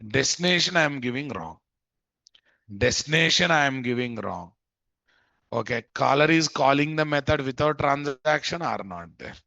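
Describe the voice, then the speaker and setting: A man's voice: mid-range voice, animated, moderate pace, vocal fry, sharp tone, no room sound. A man with an Indian Telugu accent giving an informal live programming lesson, asking questions he answers himself and repeating phrases for emphasis. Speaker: programming instructor. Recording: dull, muffled lo-fi close recording.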